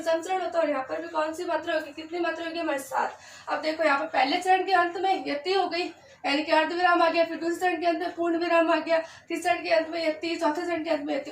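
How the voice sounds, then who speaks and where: A woman's voice: high voice, gravelly, fairly bright tone. A woman teacher giving a lesson, patiently counting aloud and asking and answering her own questions. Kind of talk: Hindi poetry meter lesson, counting aloud. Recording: echoey room, far from the mic, faint noise.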